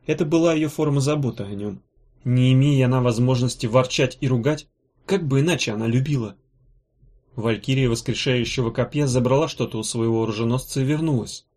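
A man narrating a fantasy novel as an audiobook in a steady, even storytelling manner. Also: medium pitch, brisk. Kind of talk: scripted narration.

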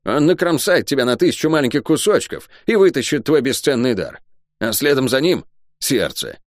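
A man's voice: medium pitch, sing-song, moderate pace, no echo, studio quality, pitched above the performer's own voice, natural voice. A man voicing a scornful, menacing cursed sorceress in an audiobook. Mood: mocking. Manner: mocking, sinister.

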